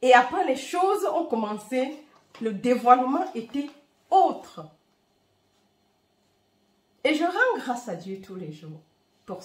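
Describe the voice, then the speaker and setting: Woman host with a Bamileke accent, slow, fervent spiritual talk, roomy echo. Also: high voice. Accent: Bamileke-accented French. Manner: warm, fervent, with hesitant fillers. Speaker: spiritual reader and channel host. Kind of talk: heartfelt spiritual talk to viewers.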